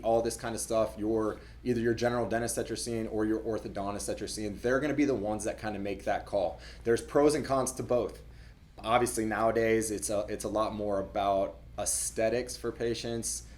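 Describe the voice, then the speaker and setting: Man, dentist, young adult, lowish voice, casual chat to camera, repeats words. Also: a little hiss or hum. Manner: conversational, repeats words, fillers. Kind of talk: casual explainer talk to camera.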